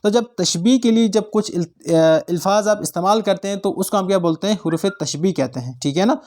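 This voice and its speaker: A man with a high voice runs an exam-prep grammar lesson. He goes over each rule several times and keeps putting questions to his students. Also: a little mellow. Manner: explains slowly, repeats points, asks the students questions. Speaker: teacher.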